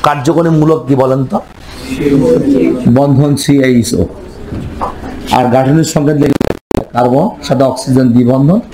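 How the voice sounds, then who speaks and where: A man's voice: medium pitch, darkish tone, slight background noise, rough recording. A man teaching chemistry, quizzing his students and answering his own questions. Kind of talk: classroom lecture.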